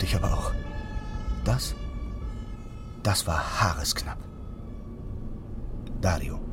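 An actor playing a jittery, unlucky man at the wheel who talks to himself in rushed, self-scolding mutters. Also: low-pitched, noisy background.

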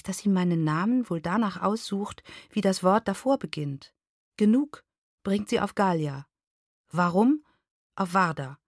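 A woman reading a novel aloud in the first person, measured and expressive. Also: medium pitch, no echo, studio quality. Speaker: reader. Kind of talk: literary reading.

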